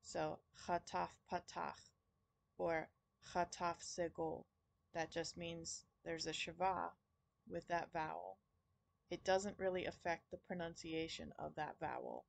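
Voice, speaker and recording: A woman teaching Hebrew vowels in a recorded lesson, sounding out each vowel slowly and carefully. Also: sits low, flat delivery, creaky.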